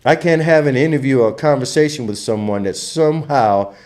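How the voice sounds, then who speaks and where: A man's voice: medium pitch, fairly quick. A man from Trinidad and Tobago, giving an impassioned, emphatic commentary as a channel host. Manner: impassioned, emphatic, grows louder when fired up. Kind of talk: opinionated commentary monologue.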